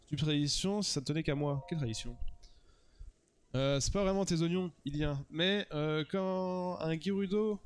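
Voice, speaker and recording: Un homme qui joue une guerrière Gerudo grincheuse à l'accent allemand. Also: male voice, a little high, moderate pace, clear, resonant tone, natural voice. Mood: grumbling. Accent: German, put on. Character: grumpy Gerudo woman hunting a husband.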